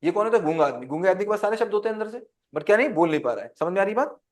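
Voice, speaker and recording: High-voiced man teaching a class. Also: sing-song, rapid-fire. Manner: quizzes the class with call-and-response questions. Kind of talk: interactive class lecture.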